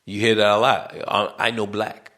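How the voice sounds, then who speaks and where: A man's voice: lowish voice, little pitch movement, moderate pace, fairly bright tone. A man hosting a podcast, talking casually in a rambling way with lots of fillers, slang and restarts. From United States. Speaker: podcast host. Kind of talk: casual monologue.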